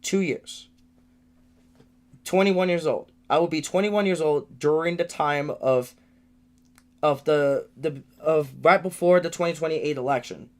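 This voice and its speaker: Venting in frustration, a late-teen man of nineteen gives a rambling livestream update from a room in his family home. His voice sits on the high side and he's unhurried, with frequent restarts and repeated words.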